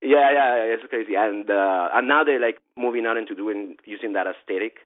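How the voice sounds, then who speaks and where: A man from Venezuela with a Venezuelan Spanish accent, talking in a rambling, animated way in a casual interview, often restarting and laughing. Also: fairly low pitch, fairly quick. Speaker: event organizer. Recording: tinny phone-like line.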